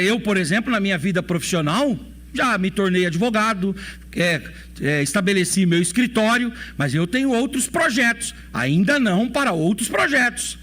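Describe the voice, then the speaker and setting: A Brazilian pastor in his forties delivers a sermon in church, firing rhetorical question after question at the congregation and repeating key phrases over and over. His fairly bright voice sits high for a man, swings widely in pitch, and carries a Brazilian Portuguese accent.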